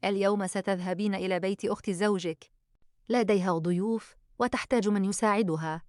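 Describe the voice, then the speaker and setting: A woman's voice: medium pitch, steady tone, fairly quick, darkish tone, dry recording, clean studio sound, lightly acted. A woman voicing a cold, domineering older mother-in-law who talks in a curt, dismissive way.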